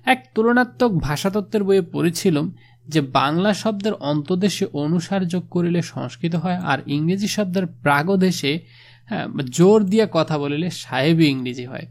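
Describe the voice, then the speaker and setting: Male teacher, gravelly and a bit high-pitched, chatty explainer of a school text. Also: moderate pace. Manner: casual, conversational, with frequent filler affirmations. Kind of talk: explaining a literature text to students.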